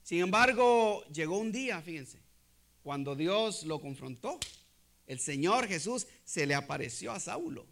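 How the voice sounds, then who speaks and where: A male pastor delivers a sermon in a strikingly high voice. His tone is bright and forceful. He keeps checking in with the congregation and often stops to restart his sentences. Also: big pitch swings, a little slow, creaky.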